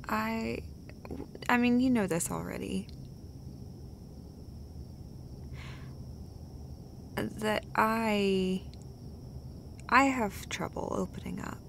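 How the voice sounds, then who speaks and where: In a casual, intimate roleplay monologue, a woman plays a tender, foul-mouthed girlfriend comforting her partner, soft and vulnerable. Her exaggerated voice is fairly high and a bit bright, with vocal fry. She rambles, hesitates, halts and swears, over slight background noise.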